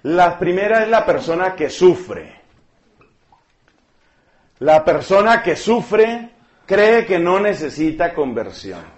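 A man preaching a sermon, emphatic and joking, repeating words for effect. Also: high voice.

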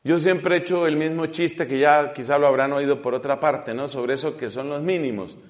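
Man, priest, fairly high voice, middle-aged, emphatic retreat talk, stretched words, trailing off soft. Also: steady tone, normal speed. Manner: emphatic, drawing out key words then dropping his voice. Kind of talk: spoken retreat talk to clergy.

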